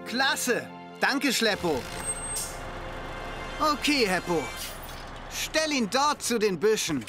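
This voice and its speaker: A man playing a confident, cheerful builder foreman in a children's cartoon, giving clear instructions. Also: high voice, big pitch swings, slow, full character voice. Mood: upbeat. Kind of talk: animated children's series dialogue. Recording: loud music behind the voice.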